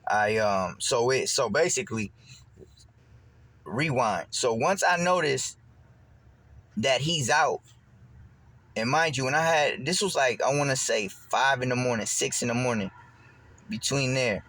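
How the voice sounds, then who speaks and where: Young man vlogging a story, loose and rambling, lively when quoting others. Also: medium pitch, measured pace, pauses often, no room sound. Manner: rambling, repeats words and restarts, animated when quoting. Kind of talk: casual storytelling.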